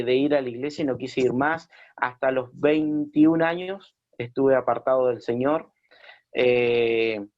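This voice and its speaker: Chilean-born male pastor, halting testimony, middle pitch, dull lo-fi sound. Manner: hesitant, many fillers and restarts. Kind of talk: radio interview, personal testimony.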